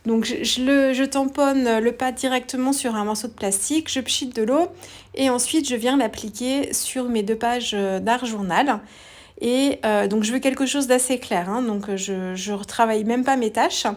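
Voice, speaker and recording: A woman narrating a craft tutorial in a relaxed, hesitant way, with many fillers. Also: on the high side, measured pace.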